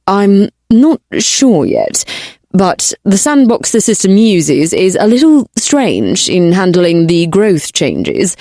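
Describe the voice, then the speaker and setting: A woman's voice: medium pitch, very animated, takes it slowly, dark tone, no echo, studio quality, full character voice. Woman voicing a sarcastic male AI sidekick. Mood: hesitant. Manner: sarcastic, hesitant when delivering bad news. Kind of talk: audiobook character voice.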